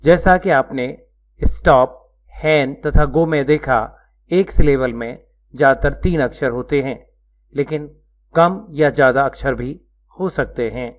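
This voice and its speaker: A man giving a scripted lecture, spelling out words letter by letter in a measured teaching manner. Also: mid-range voice. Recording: dull lo-fi recording.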